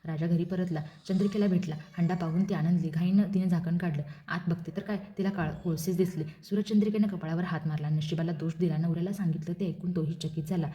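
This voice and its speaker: A woman reads a devotional folk tale in a quick, rhythmic recitation. Her voice sits low and dark, and she keeps up a fast, steady pace from line to line. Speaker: storyteller. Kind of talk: devotional story reading.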